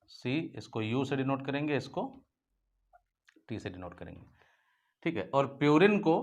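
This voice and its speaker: Man, biology teacher, classroom lecture, mid-pitched voice, rhetorical questions, soft falling endings. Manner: repeats key points as questions and answers them; addresses students fondly as "beta". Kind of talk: whiteboard lecture for school students.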